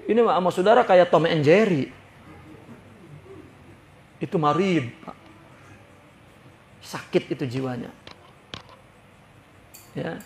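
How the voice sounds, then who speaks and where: A man teaching religion in a relaxed, conversational style and often checking that his listeners follow. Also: high voice, reverberant, a little hiss or hum. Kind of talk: kitab study lecture. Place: prayer hall.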